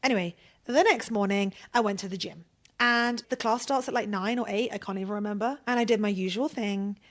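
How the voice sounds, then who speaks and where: A woman podcast host telling a personal story in a loose, conversational monologue. Her voice sits at an ordinary middle pitch. She talks freely, swears often and fills her sentences with "like.". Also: brisk. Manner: chatty, swears freely, heavy use of "like".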